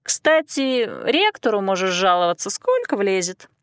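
A sharp-tongued young woman drawls mocking jabs, as a woman reader puts her on. Her pitch swings widely and the sound is dry. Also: very animated, measured pace, clear, resonant tone, no echo.

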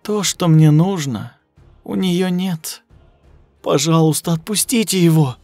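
A man's voice: fairly high pitch, big pitch swings, takes it slowly, no room sound, faint music behind, voice pushed up, full character voice. A man voicing a cruel, bored ancient female duchess monster with a drawling, sneering manner.

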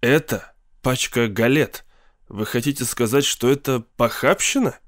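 A man's voice: mid-range voice, a little slow, dry recording, clean studio sound, natural voice. A man voicing an indignant, bewildered male professor in a storybook reading, protesting and exasperated.

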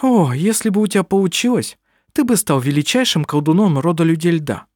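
A man reading aloud, voicing a proud, sharp-tongued middle-aged witch who is a mother, with dry, cutting remarks. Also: fairly high pitch, expressive, a little fast, no echo, voice pushed up. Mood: stern.

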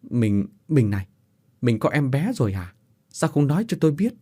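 A poor country father, earnest and eager, coaxing his son and pleading before his dead father. A man voices him in a told story, with a husky voice that moves around a lot. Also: mid-range voice, sing-song, normal speed, mellow.

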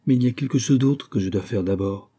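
A resigned, gentle young woman of means who has given up, read by a man in his own dark, husky voice. She speaks softly, as in an audiobook reading. The tone stays low and mellow throughout. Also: fast, natural voice.

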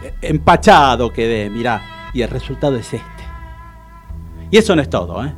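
Faint music plays behind an animated, mid-range voice at normal speed as an actor portrays a boastful older neighborhood cook in a comic radio drama. The character is fussy and proud, with a Rioplatense Argentine accent and a halting, repetitive, self-important manner, and the voice stays close to everyday speech.

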